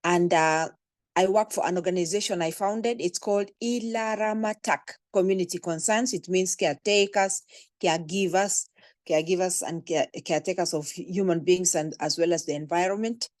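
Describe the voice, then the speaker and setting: A woman from Kenya speaks on a video call with her camera off, her voice low and recorded dry. She is friendly and halting, with frequent fillers. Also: darkish tone, no echo. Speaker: panelist, community organizer. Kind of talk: webinar self-introduction.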